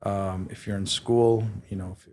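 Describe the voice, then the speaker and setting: A man born in Israel and raised in New York talks as a podcast guest. His voice is low and very flat, and he speaks hesitantly and modestly, pausing often. Faint noise sits under the recording. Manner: hesitant, many fillers and restarts, modest. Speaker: guest, real estate company president. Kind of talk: podcast interview.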